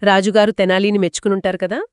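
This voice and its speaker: A woman's voice: mid-range voice, little pitch movement, fast talker, clear, resonant tone, no room sound, clean studio sound. A woman co-telling a children's folk tale, asking curious questions and reacting with exclamations. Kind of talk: children's story told as a two-voice conversation.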